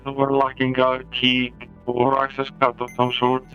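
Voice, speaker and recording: A man chats haltingly over his gameplay, his voice run through a crunchy, bitcrushed eight-bit robot filter. The sound is dull and lo-fi, and his pitch stays flat. Faint game music plays underneath. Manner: halting, with many pauses. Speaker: game streamer. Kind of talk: casual gameplay commentary. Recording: lo-fi filtered stream audio.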